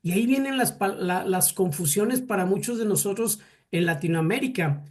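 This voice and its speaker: A man's voice: high-pitched, moderate pace. A man with a Mexican accent teaching a classroom lesson, stopping often to restart words and quizzing his students. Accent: Mexican Spanish.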